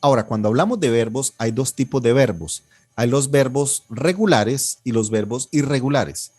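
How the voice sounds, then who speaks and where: A man leads an online Koine Greek lesson, his voice sitting at an ordinary pitch. He talks patiently and methodically, repeating words so students can follow and echo them. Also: moderate pace, darkish tone, slightly rough. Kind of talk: online class, drilling pronunciation and explaining grammar.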